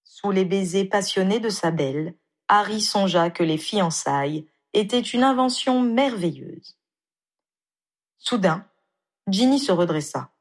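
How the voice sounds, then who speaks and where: A woman reading a story aloud in a calm, measured way. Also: mid-range voice. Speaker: audiobook reader. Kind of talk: scripted narration.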